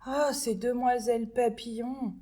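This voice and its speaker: A woman voicing a shy, lovestruck male dung beetle in a children's storybook reading, soft and hesitant. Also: a little high, fairly even intonation, measured pace. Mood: dreamy.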